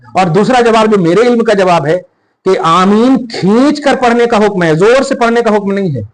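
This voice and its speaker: Poor audio captures a high-pitched man speaking at a moderate pace as he walks a podcast listener through prayer step by step. This Islamic scholar is emphatic and keeps confirming he's understood.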